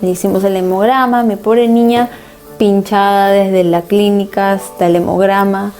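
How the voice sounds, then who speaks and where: A woman's voice: mid-range voice, steady tone, moderate pace, darkish tone, faint music behind. A woman pastor preaching a sermon and earnestly recounting a personal family story as testimony.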